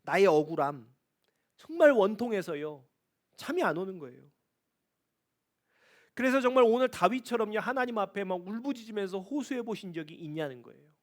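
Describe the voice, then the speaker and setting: A man's voice: high voice, lively intonation, a little fast, pauses often. A male pastor giving a Sunday sermon in a church, preaching emphatically with rising, pleading phrases. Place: church sanctuary.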